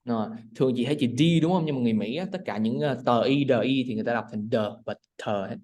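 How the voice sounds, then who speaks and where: A man's voice: medium pitch, darkish tone. Patient male pronunciation tutor. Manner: patient, repeats words slowly for the student. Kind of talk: one-on-one online lesson. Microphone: video call.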